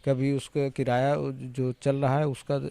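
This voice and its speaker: A man's voice: medium pitch, completely flat delivery, unhurried, dark tone, clear, resonant tone, no echo. A man, answering informally as a government officer being interviewed. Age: 50s.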